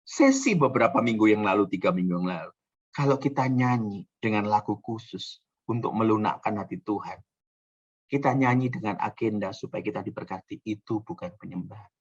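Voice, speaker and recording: A man preaching a sermon as a pastor, emphatic, swinging between loud, high outbursts and hushed, low passages, often calling the listeners "saudara". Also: lively intonation, fairly quick, husky, dull audio.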